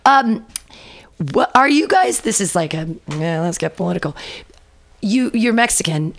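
A woman in her forties from California, filling in as a radio host, chats casually in a bubbly, rambling, joking way. Her mid-range voice is expressive, with vocal fry, at a normal speed.

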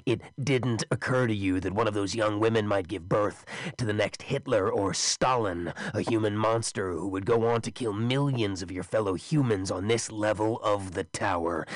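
A man voicing a menacing inhuman creature in a yellow coat, with a buzzing voice and slow, cold, measured speech. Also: fairly low pitch, no room sound, close to an everyday voice.

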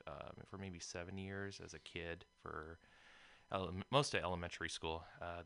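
Deep bright-voiced man in his thirties. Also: creaky, clear, resonant tone. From USA. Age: 30s. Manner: relaxed, chuckles between remarks. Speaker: comedian guest. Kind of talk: casual interview chat. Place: radio studio.

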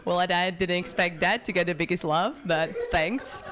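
A young Czech woman delivers a stand-up set on a club stage, her accent plain in every line. Her voice sits on the low side, and she drops punchlines in a dry, deadpan way with small pauses. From Czech Republic. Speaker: stand-up comedian.

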